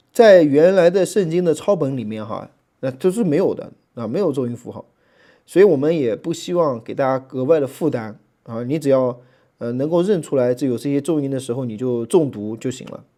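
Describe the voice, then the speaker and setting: A man teaching a Greek lesson in a relaxed lecturing way, with many fillers, slowing down to spell out letters and sounds. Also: mid-range voice.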